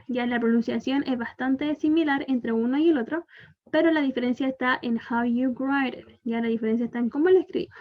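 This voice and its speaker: A woman teacher with a Chilean Spanish accent, giving a bilingual English lesson, drawing out the English examples slowly and explaining quickly in Spanish. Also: a little high, highs cut off. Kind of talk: bilingual online class.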